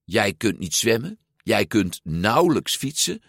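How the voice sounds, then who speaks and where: A man's voice: on the low side, very animated, measured pace, fairly bright tone, no room sound, clean studio sound, full character voice. A man voicing a bossy, impatient young girl who scolds and drops in Italian words.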